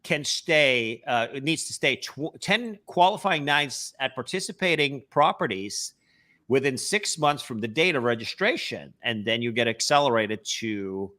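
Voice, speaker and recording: Norwegian accent, male host, animated pitch, bright forceful tone, halting with fillers. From Norway. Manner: animated, hesitant with many fillers. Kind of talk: casual webcast chat.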